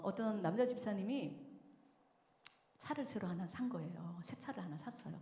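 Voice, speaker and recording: Female minister, storytelling sermon style, mid-pitched voice, booming reverberant hall sound. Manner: lively storytelling, acting out quoted voices with frequent chuckles. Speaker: church minister preaching. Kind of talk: sermon at a mothers' prayer meeting. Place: church sanctuary. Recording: echoey church hall with long reverb.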